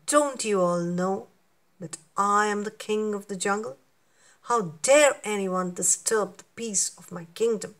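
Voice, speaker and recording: Proud male lion king, loud and royal, slow stately delivery, read by a woman. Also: medium pitch. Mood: commanding.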